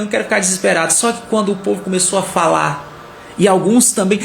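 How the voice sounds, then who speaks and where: A man preaching a sermon as a story, animated and acting out the characters' lines. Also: high-pitched, creaky, slight background noise. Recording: echoey room with faint music.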